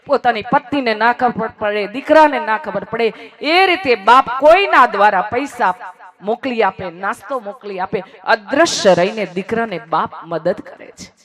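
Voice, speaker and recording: Dramatic storyteller, hushed then raised. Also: mid-range voice, lively intonation, moderate pace. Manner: repeats phrases for emphasis. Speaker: moral storyteller. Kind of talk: emotional devotional storytelling.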